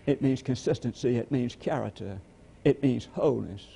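A man preaching a sermon, with slow, emphatic repetitions. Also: mid-range voice, vocal fry, dark tone, slight background noise. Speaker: pastor.

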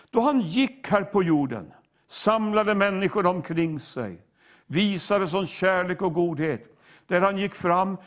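An older man preaching a sermon, slow and emphatic, each phrase falling away at the end. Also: high-pitched.

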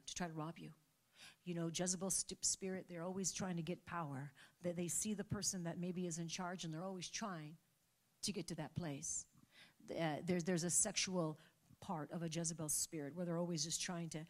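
A woman preacher delivering a sermon to her church with an emphatic, repetitive preaching cadence. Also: lowish voice.

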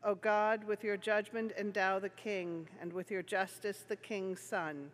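Woman, liturgical lector, measured formal reading, medium pitch, solemn scripture style. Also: fairly even intonation, in a large hall.

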